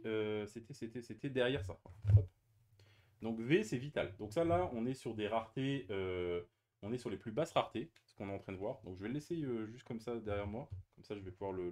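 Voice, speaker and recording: Opening trading card boosters on camera, this man speaks in a lowish, darkish voice. His casual unboxing chat as a card-opening YouTuber is halting, packed with fillers and false starts.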